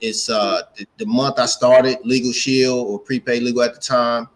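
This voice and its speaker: This entrepreneur and speaker, a 49-year-old from Gary, Indiana, with an American accent, appears as an interview guest and relates his story in a relaxed way, repeating phrases to stress points. His mid-range voice shows little pitch movement and keeps a normal speed.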